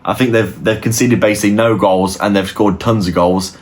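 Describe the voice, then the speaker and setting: A man's voice: fairly low pitch, steady tone, normal speed, darkish tone. A man giving a casual, opinionated match analysis as host of his football channel, often restarting his sentences. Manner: conversational, opinionated, with frequent restarts.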